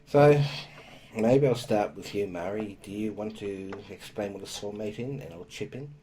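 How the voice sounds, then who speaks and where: A man hosting a podcast, explaining spiritual topics in a calm, casual way. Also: fairly low pitch, moderate pace, slight background noise. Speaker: podcast host.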